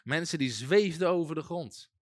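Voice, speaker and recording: A man teaching a sermon-style Bible school class, telling stories with lively voices for shouting demons and chuckling often. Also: on the high side, moderate pace, no echo, studio quality.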